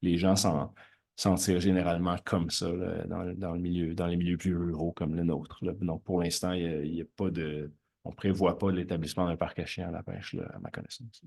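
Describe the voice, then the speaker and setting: A man's voice: low voice, steady tone, a little fast, gravelly, darkish tone, breathy edge. A man with a Quebec French accent chairing a council meeting, replying informally in a hesitant, roundabout way. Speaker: council chair answering residents.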